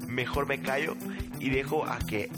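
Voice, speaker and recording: Narrator: man, mid-pitched, measured storytelling, loud guitar bed underneath. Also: fairly even intonation. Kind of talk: scripted narration over music. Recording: loud guitar music behind the voice.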